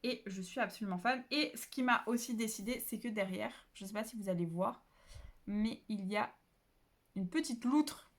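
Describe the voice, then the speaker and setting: A woman talks casually about books into her phone at home. She rambles, stops herself with fillers and corrects her own numbers as she goes. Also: medium pitch. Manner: chatty, rambling, many fillers and self-corrections. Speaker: book vlogger. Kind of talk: casual chat.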